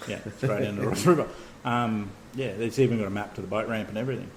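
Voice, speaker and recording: A man's voice: fairly low pitch, fast talker, rough recording. A man with an Australian accent talks in a blunt, easygoing way and swears freely. He hosts a fishing chat over a faint background hum. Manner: blunt, swears, makes sound effects. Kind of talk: casual chat.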